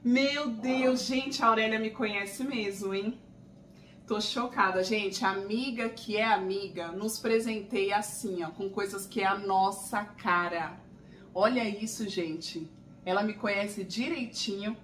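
A Brazilian woman gushes through an unboxing vlog, bright and forceful in tone. Her voice rings around an echoey room from a slight distance off the mic. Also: medium pitch, unhurried, a little hiss or hum. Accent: Brazilian Portuguese. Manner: gushing, exclamatory, chatty with viewers. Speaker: channel host.

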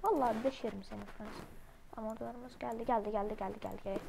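A woman with a high voice talks through a strategy game in a casual commentary. She is excitable and keeps breaking into loud, crude outbursts. A faint hiss sits under the recording. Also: quick pace, vocal fry, rough recording. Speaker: gamer playing online strategy game.

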